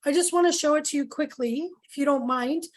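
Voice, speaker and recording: A woman organizer presenting at a town hall over a video call, earnest with many pauses and fillers, losing her voice. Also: high-pitched. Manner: earnest, lots of ums and questions. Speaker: health coalition organizer.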